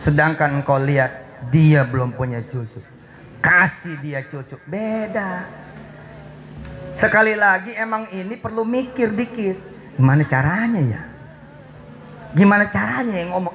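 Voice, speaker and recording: A man's voice: sits high, a bit bright, low-quality recording. A man preaching a sermon, teasing the crowd playfully and acting out little dialogues. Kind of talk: Islamic sermon.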